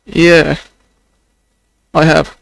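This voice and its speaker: A young Swedish-accented man speaks unscripted in his video journal, his fairly high voice gravelly and fairly bright, with little pitch movement. He's hesitant, slow and halting, full of fillers, and people say he sounds close to tears.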